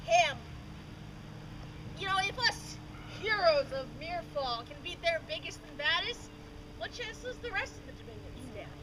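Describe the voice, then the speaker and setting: A woman's voice: extremely high pitch, big pitch swings, moderate pace. A woman playing a boastful, bumbling, self-important sergeant in comic renaissance faire stage acting, cocky and blustering. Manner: cocky, blustering, hesitant when challenged. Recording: outdoor live recording, clear ambient noise.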